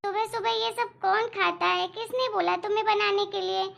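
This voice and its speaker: Cartoon mother-in-law, older and whiny, always blaming, very high gravelly voice, a woman voices her. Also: fairly even intonation, moderate pace, a bit bright, heavily acted. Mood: scolding. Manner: nagging, complaining, blames others. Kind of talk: animated cartoon voice acting.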